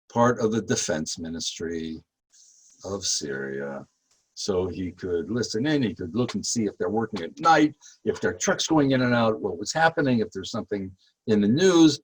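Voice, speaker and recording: A man guiding a history tour, talking casually with many fillers and rising in pitch when he makes a point. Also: very animated, a little hiss or hum, rough recording. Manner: chatty, halting with many fillers, rises when emphatic. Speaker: tour guide. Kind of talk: guided history talk.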